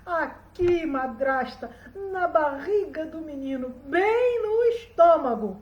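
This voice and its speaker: A woman voicing a magical talking pig's ear in a high, loud, sing-song voice. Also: animated, slow, highs cut off. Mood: gleeful. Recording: roomy echo.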